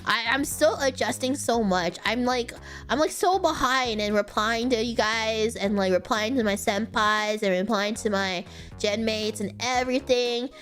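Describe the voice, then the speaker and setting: A woman's voice: fairly high pitch, a little slow, a bit bright, faint music behind. A young woman streaming, chatting casually with lots of fillers, giggles and restarts.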